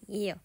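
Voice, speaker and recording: A woman chatting casually with viewers on a livestream, giggling often and sometimes dropping to a soft murmur.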